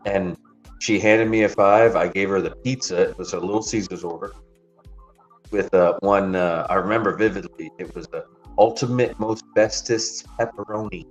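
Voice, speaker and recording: A man's voice: low-pitched, fairly even intonation, normal speed. A man streaming while driving deliveries, chatting casually and telling rambling, profane stories with frequent laughs. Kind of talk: casual chat, storytelling. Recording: dull lo-fi stream audio with faint music.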